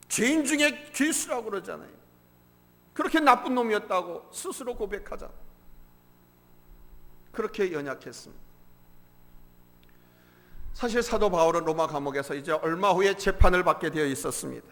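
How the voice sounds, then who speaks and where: A male pastor preaching a sermon in a church, impassioned, swinging between hushed and loud. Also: high-pitched. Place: church sanctuary. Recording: long church hall reverb.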